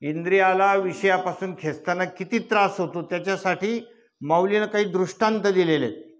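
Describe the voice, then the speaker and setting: A man's voice: high voice, normal speed. An older man giving a devotional kirtan sermon, teaching in a folksy way, asking rhetorical questions and rising into chanted verse. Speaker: kirtan preacher.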